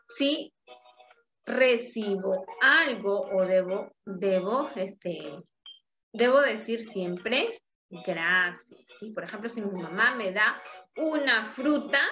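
A woman teaching young children in a slow, patient lesson. She coaxes them along, checking in after nearly every phrase. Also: mid-range voice, pushed and bright. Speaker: preschool teacher. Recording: dull lo-fi recording with faint music.

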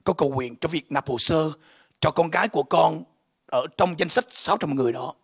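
A male pastor giving an emotional sermon testimony, swinging from hushed words to shouting. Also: on the high side, brisk, vocal fry, slightly rough.

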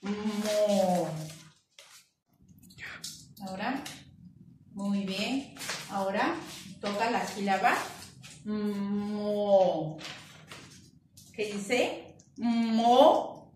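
A Peruvian woman teaching syllables to small children, drawing words out slowly and praising often. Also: mid-range voice, far from the mic. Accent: Peruvian Spanish. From Peru. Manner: slow, drawn-out syllables, encouraging praise. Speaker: preschool teacher. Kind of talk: remote lesson for young children. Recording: echoey room, voice from off-mic with faint noise.

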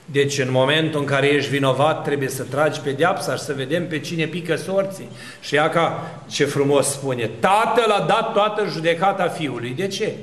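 A man's voice: a little high, a bit bright, roomy sound. A man preaching an Orthodox sermon, asking rhetorical questions and building long spoken lists. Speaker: Orthodox priest.

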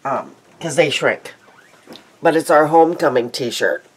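Sitting at a desk webcam in a small, cluttered room, an older beauty vlogger from the Midwestern United States talks in a low, unhurried voice with a breathy edge. She's congested and chatty, wandering off track and breaking into her own sentences to restart them.

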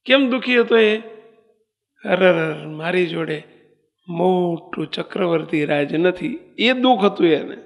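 Male swami, sermon storyteller, high-pitched, reverberant temple hall. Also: lively intonation, takes it slowly, gravelly, pauses often. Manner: asks the audience rhetorical questions. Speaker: swami preaching.

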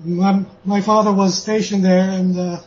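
Guest man, high voice, measured answers, dull remote line with faint hiss. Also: flat delivery, a little mellow. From born in Austria, lives in the US. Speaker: guest author.

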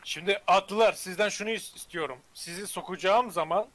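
A man's voice: high voice, a little fast, fairly bright tone. A man calling the shots for his team over game voice chat, barking repeated orders. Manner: barks repeated orders at teammates. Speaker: shot-caller in an online team battle.

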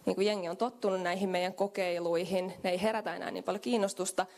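Her voice is on the low side, steady and a little mellow as this young woman gives a keynote to a small hotel conference-room audience. She talks conversationally into a handheld mic, working through ideas aloud with fillers.

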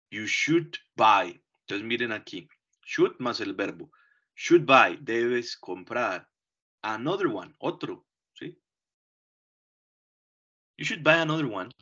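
A man teaching English grammar, explaining slowly and deliberately and checking in with short questions. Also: mid-range voice, pushed and bright. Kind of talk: bilingual grammar lesson. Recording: dull lo-fi recording.

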